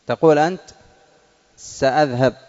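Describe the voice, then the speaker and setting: A man's voice: fairly high pitch, normal speed, darkish tone, highs cut off. Man teaching a class in a reverberant room. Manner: drills pupils with questions and repeats answers. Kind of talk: classroom grammar lesson.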